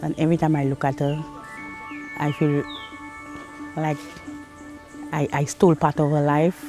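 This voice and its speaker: A woman's voice: sits low, little pitch movement, measured pace. Woman, Saint Lucian accent, personal testimony, candid, plain-spoken, music behind. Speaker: interviewee, mother and patient. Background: music under the voice.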